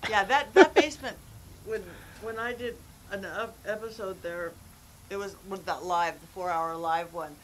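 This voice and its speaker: A woman who is a psychic medium guest, telling stories in an animated casual chat. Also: mid-range voice, normal speed, a little hiss or hum, rough recording.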